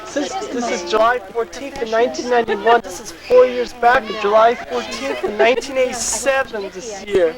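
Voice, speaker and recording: A man's voice: very high-pitched, fairly even intonation, moderate pace, few pauses. Rambling young man at a noisy picnic. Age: 20s. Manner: rambling, repeats the same date sums over and over. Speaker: picnic guest. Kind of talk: casual home-video chat. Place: outdoor picnic in a canyon park. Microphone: home video camera. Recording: home camcorder outdoors, loud crowd. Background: loud crowd of picnickers.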